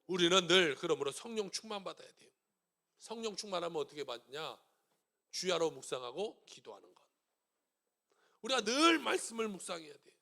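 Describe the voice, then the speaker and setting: A middle-aged male pastor preaches with a high, lively voice that rises and falls sharply. His tone is bright with a gravelly edge, and he swings from loud shouted commands to hushed asides. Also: fairly quick, pauses often. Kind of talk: sermon. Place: church sanctuary.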